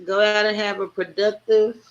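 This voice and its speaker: A woman's voice: mid-range voice, little pitch movement, lo-fi sound. A woman co-hosting an online radio show, easygoing as she plugs upcoming events. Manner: easygoing, plugging events in a quick run. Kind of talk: casual sign-off announcements on an online radio show.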